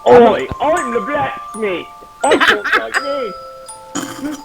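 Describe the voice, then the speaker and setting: A woman's voice: on the high side, big pitch swings, slow pace, vocal fry, voice pushed up, full character voice, rough recording. A woman voicing a small, cheeky male gnome blacksmith who chirpily repeats the same greeting. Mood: chirpy. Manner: chirpy, repeating the same line like a stuck game character. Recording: music playing behind.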